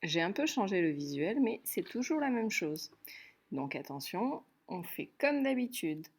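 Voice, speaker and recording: Slow, patient woman dictating to kids. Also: mid-range voice, big pitch swings, slightly rough. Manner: patient, repeats each word slowly and spells out sounds. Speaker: primary school teacher. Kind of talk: slow dictation lesson for young pupils.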